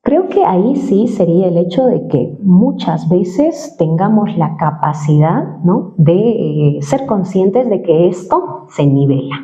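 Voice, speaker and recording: Low, mellow-voiced woman voice coach. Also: very animated, slow, hardly any pauses. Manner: explanatory, often adds questioning tags. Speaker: voice-over and dubbing professional. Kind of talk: interview, giving voice-training advice. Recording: roomy, slightly dull sound.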